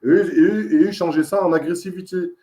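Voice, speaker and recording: A man speaking fast in a casual interview, his voice mellow and warm. He tells his story emphatically, circling back and repeating his points. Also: high-pitched, roomy sound. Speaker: interviewee, father in dispute with social services. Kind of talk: casual testimony.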